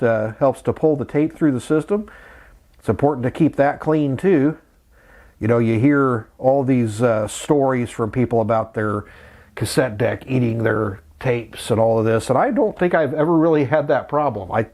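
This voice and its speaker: Here the host of a vintage electronics tutorial channel, a middle-aged man, explains a casual how-to in simple, sequential steps. He has a medium pitch and a darkish tone, and music can be heard behind him.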